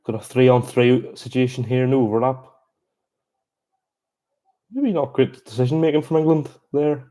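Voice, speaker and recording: Man, live match reaction, chatty and excitable, mellow dark voice. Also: medium pitch, moderate pace. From Ireland. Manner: excitable, chatty, bursts of exclamation. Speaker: sports reaction streamer.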